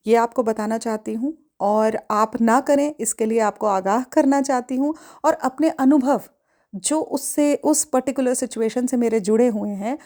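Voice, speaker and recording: A woman's voice: fairly high pitch, normal speed, dark tone. A middle-aged woman from India hosting a podcast, giving earnest, reflective parenting advice in a monologue and mixing in English phrases. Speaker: podcast host.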